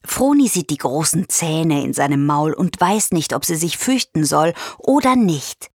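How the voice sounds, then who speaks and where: A woman reading a children's story aloud in a slow, animated storytelling manner. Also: deep voice, breathy edge, dry recording, studio quality.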